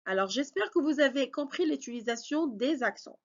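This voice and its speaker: High, lively woman teaching slowly. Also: lo-fi sound. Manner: slow, patient, explains step by step with frequent "alors" and "d'accord". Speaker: French teacher. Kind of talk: spelling lesson.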